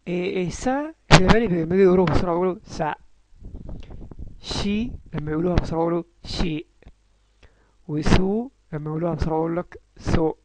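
A man with an Egyptian Arabic accent teaching a language lesson, patiently repeating syllables aloud and slowly spelling out words. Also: sits high, heavy background noise.

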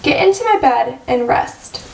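A woman reading aloud and voicing a sleepy, grumpy male toad in a children's storybook, in a drowsy, reluctant, low-key way. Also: lively intonation, measured pace, creaky, a little mellow, full character voice. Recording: roomy echo, distant mic.

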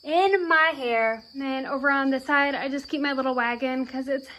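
A woman in her twenties from Iowa vlogs as she strolls through an old farm barn, chatting casually. Her high-pitched, fairly bright voice moves at normal speed, picked up by a handheld camera held close to her face.

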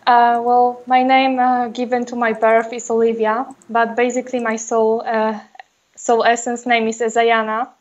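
A young woman from Poland with a Polish accent, speaking as an interview guest in a soft, dreamy way with many fillers. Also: a little high, level tone, moderate pace. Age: young adult. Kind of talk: casual interview talk. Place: small room indoors. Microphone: earphone mic on a video call. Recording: dull lo-fi video call audio.

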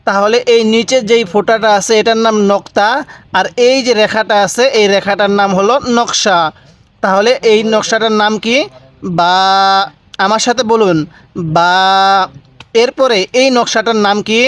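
A man teaching beginners to read Quranic letters, going slowly, repeating each letter and asking listeners to say it after him. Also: sits high, fairly even intonation, a bit bright, no room sound. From Bangladesh. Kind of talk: step-by-step letter lesson.

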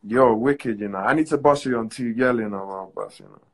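A man's voice: medium pitch, fairly quick, slight background noise. A young man, chatting and teasing in slangy casual banter on a phone live stream. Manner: slangy, teasing, laid-back storytelling.

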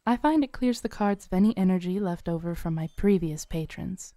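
A young woman with a lowish, smooth voice plays a fortune teller at a fair, coaxing softly and teasing gently in a scripted roleplay. She's brisk and close to the mic, and there's slight background noise.

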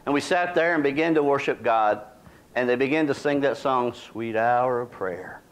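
Folksy pastor preaching. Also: male voice, medium pitch, normal speed. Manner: folksy, conversational preaching with restarts and asides. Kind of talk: sermon. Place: small church sanctuary, indoors.

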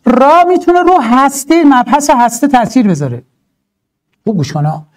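A man teaching a grammar lesson for exam prep, talking in an animated, emphatic way with drawn-out stresses and rhetorical asides. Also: very high-pitched.

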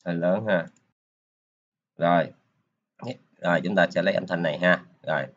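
A man teaches coding over a screen recording, chatting casually as he clicks from step to step and leaning heavily on filler particles. He speaks at a normal speed in a low-pitched voice with fairly even intonation, and the audio is dull.

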